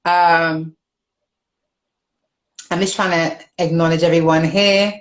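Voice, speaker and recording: A woman's voice: lowish voice, steady tone, slow pace, poor audio. A British woman hosting a live online show in casual chat, thinking aloud while reading comments and often laughing, on a video call. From United Kingdom.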